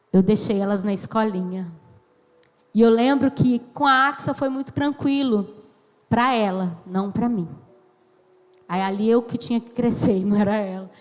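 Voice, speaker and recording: High-voiced woman preaching in a big echoey hall. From Brazil. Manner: slow emphatic preaching, acts out quoted dialogue. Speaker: pastor. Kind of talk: sermon. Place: church sanctuary. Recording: long church hall reverb.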